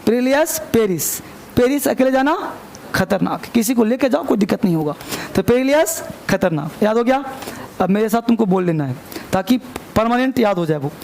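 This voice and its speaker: A man's voice: sits high, lively intonation, normal speed, gravelly, darkish tone, slight background noise. A man teaching a vocabulary lecture, repeating each word and its meaning and tying it to a memory trick. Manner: repetitive, drills words with memory links.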